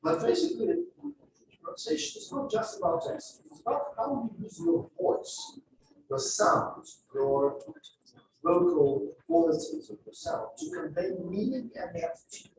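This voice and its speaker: A man from Uzbekistan lecturing a class on spoken English, explaining points in an animated, demonstrative way. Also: very high-pitched, a little slow, a little hiss or hum. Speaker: English teacher. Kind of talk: lecture on exam speaking skills. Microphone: distant room mic. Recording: very echoey room, voice from far off.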